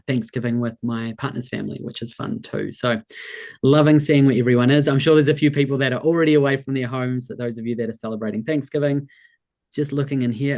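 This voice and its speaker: Over a video call, a New Zealand workshop host and business coach runs an upbeat live online session in an ordinary middle-pitched voice. Enthusiastic and encouraging, he warmly greets attendees and reads their messages aloud.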